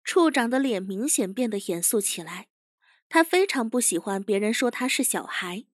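A woman narrating an audio drama in a steady storytelling voice. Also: mid-range voice, normal speed, no echo, clean studio sound.

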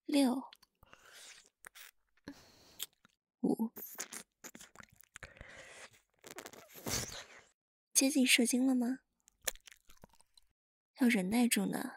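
A woman voicing a teasing, contemptuous, dominant young woman in an adult ASMR role-play, breathy and husky, murmuring right into the listener's ear. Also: on the high side, slow, slight background noise. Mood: teasing, coaxing. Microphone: very close, dry microphone.

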